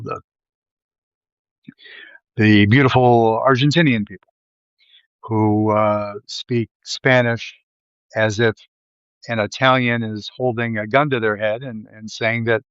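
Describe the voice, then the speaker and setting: This is a Midwestern-accented man from Ohio hosting a live video, wandering off topic and restarting often between filler words, picked up by a live stream mic. His voice sits on the low side, smooth and slightly bright. The sound is dry and muffled.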